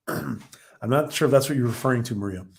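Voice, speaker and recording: Losing his voice, a live-stream host chats casually while reviewing a TV episode and going through viewer comments, full of fillers and false starts. He talks fairly quickly in a creaky, mid-range voice.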